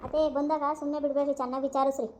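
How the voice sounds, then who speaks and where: A woman's voice: sits high, little pitch movement, rapid-fire, background noise, close to an everyday voice. A woman playing a defiant young daughter who protests and pleads when she is scolded. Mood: sneaky. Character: defiant young daughter caught in a secret romance.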